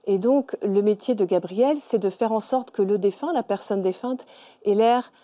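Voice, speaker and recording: A woman author on a talk show, speaking thoughtfully and hesitantly, with many pauses and fillers. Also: mid-range voice, warm tone. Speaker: author guest. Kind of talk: studio interview.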